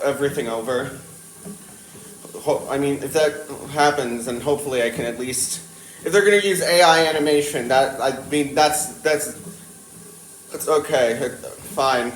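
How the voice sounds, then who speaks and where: A teenage boy chatting casually to himself into a tablet, hesitant and stop-start, his train of thought wandering. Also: medium pitch. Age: teenager, born around 2010. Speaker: vlogger. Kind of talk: rambling casual solo chat. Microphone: talking to a tablet. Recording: echoey room with faint background noise.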